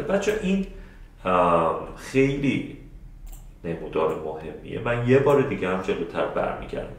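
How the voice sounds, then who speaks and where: Teaching live over the web, a man with a lowish voice rambles in a relaxed way, full of ums and restarted sentences. He turns to the people watching, fielding their questions directly. Strong echo fills the recording from his computer mic.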